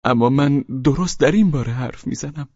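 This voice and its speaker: A man voicing a fawning, anxious middle-aged man who has been drinking, pleading and stammering in a high-strung way. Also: a little mellow, husky, dry recording, lightly acted. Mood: effusive. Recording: dull lo-fi recording.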